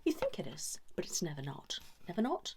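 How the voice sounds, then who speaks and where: A woman performs an ASMR role-play as a chatty couples therapist, carrying on a one-sided improvised conversation in a soft, breathy voice that often drops to a whisper. Mock-concerned and hushed, she gently scolds, speaking fairly quickly at a fairly low pitch with huge swings in pitch. The background is noisy.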